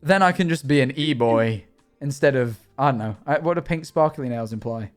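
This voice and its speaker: A man's voice: mid-range voice, a little fast, faint music behind. A young British man with a mid-range voice talks loosely and jokingly on a livestream. He rambles and restarts his sentences. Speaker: streamer. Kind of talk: casual livestream chat.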